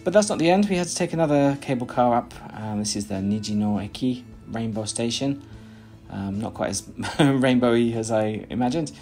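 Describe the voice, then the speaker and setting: Expressive and mid-range with a darkish tone, the voice moves at a moderate pace over faint music. It's a British man in his thirties with a British English accent, giving casual vlog chat and voice-over narration in a small plain indoor room. He rambles chattily, often saying "uh" and restarting.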